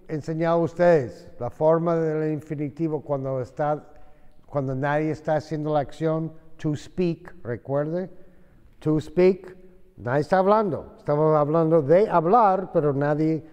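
Male teacher, unhurried and patient, mellow voice, classroom echo. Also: a little high. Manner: slow, patient explaining, switching between Spanish and English. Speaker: English teacher. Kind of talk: classroom lesson in Spanish and English.

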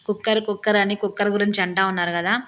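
A hoarse woman narrating her cooking vlog in a chatty, rambling voice-over. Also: medium pitch, steady tone, quick pace, a bit bright, slight background noise. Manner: rambling, talkative, complains with humor. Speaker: cooking vlogger.

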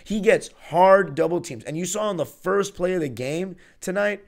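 A young man in his twenties talks through a basketball game on his own podcast, close to a studio mic. His voice sits a little high with a gravelly edge, and he circles back and corrects himself with a fan's enthusiasm. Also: normal speed. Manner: rambling, self-correcting, fan enthusiasm. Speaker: podcast host. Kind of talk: solo postgame basketball analysis. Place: small room before a virtual arena backdrop. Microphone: studio mic on a stand in front of him.

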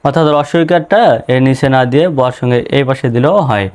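A man with a Bangladeshi accent teaching English phonics, spelling out letters and then sounding each word in slow, patient drills. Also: mid-range voice, a little mellow, clean tone.

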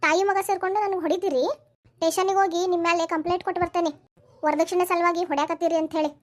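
A scheming, quarrelsome young daughter-in-law from a cartoon story, voiced by a woman. She nags and makes demands in a shrill, very high voice. She talks at a quick, pushy pace. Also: steady tone. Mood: accusing.

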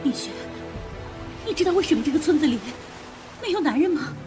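Speaking a little fast with a high, expressive voice, an actress portrays a terrified young woman describing ghostly horrors for a Chinese audio drama. Dramatic music runs under the grim, alarmed delivery.

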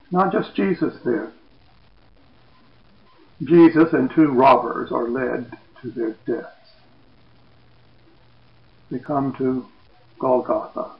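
A man preaching, retelling a scripture story slowly and dramatically. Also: medium pitch. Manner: slow, dramatic retelling, lively quoted voices. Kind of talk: sermon narration of scripture. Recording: echoey, dull sound.

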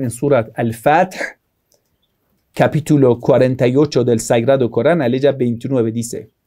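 A man's voice: a little high, mellow. A man giving a religious lecture, preaching emphatically and rising sharply on key words, with Arabic verses recited in a chanting tone.

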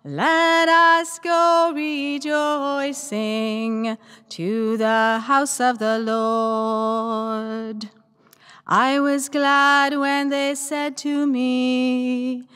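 A woman cantor singing a psalm in slow, sustained phrases, her voice carried by a cathedral echo. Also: high-pitched, a bit bright. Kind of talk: sung responsorial psalm. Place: large church. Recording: long church reverb with organ.

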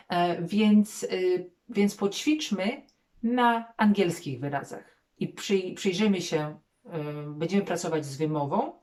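Middle-aged woman as a pronunciation teacher: unhurried, deep for a woman, repeats each word with care. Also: darkish tone. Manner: patient, modelling English words slowly and repeating them. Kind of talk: online pronunciation lesson.

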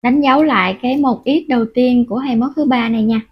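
A woman with a breathy, somewhat high voice guides viewers through a crochet project one stitch at a time. She counts stitches aloud and pauses on filler sounds while she works. The recording sounds muffled and lo-fi. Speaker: crochet instructor. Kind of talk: step-by-step crochet tutorial. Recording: dull, muffled lo-fi audio.

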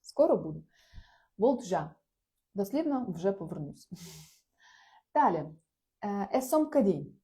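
A woman's voice: medium pitch, sing-song, slow, long pauses, warm tone. A woman teaching Portuguese in a live online lesson, explaining phrases patiently, reading out students' replies and laughing often.

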